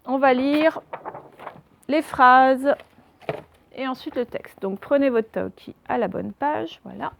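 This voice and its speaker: A woman's voice: high-pitched, slow, creaky, long pauses, a little hiss or hum. A woman teaching reading and handwriting to young children remotely, recorded on a phone, explaining step by step with frequent hesitations. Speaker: primary school teacher.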